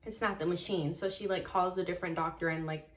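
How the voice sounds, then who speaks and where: A woman's voice: lowish voice, fairly even intonation, fast talker. A young woman casually telling a personal story, chatty and full of filler words. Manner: chatty, heavy use of "like" and "um". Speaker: vlogger. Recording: echoey room.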